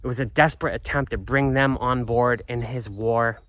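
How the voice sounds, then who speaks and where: A man's voice: medium pitch, fairly even intonation, normal speed, a bit bright, poor audio. A man vlogging outdoors at historic sites, explaining history in an earnest, informal way. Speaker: travel vlogger.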